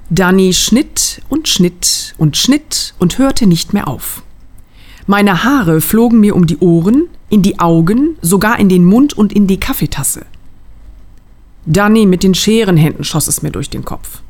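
A woman reading a humorous short story aloud in a lively, dramatic way. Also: medium pitch, a little slow.

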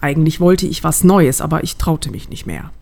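A woman reading a humorous short story aloud in a lively, dramatic way. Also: deep voice, normal speed, vocal fry.

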